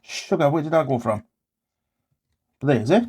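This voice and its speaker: Narrating hands-on repair work for his DIY channel, a man mutters to himself in brief, uncertain phrases, thinking out loud in a casual way. His voice sits on the high side, husky and darkish in tone, with lively intonation at normal speed.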